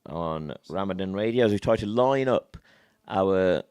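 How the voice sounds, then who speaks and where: A man hosts live radio in a fairly deep voice. He talks off the cuff and haltingly, filling time, with a very dry studio sound. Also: expressive, a little mellow, smooth, dry recording. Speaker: radio host. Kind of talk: live unscripted radio presenting.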